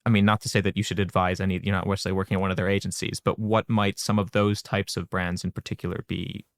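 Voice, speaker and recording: A man hosting a podcast, asking questions in a relaxed, conversational way with some restarts. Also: low voice, quick pace, gravelly, no echo, clean studio sound. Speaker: podcast host. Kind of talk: casual podcast interview.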